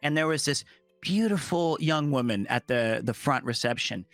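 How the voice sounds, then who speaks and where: A man and voice actor telling a strange work story in casual chat, animated and acting out the voices he quotes. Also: mid-range voice, moderate pace, no room sound, soft background music.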